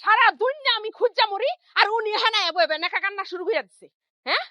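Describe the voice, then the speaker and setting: A woman's voice: very high-pitched, animated, fast, pushed and bright, no room sound, clean studio sound, full character voice. An actress playing a harsh scheming mother-in-law who scolds shrilly. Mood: accusing.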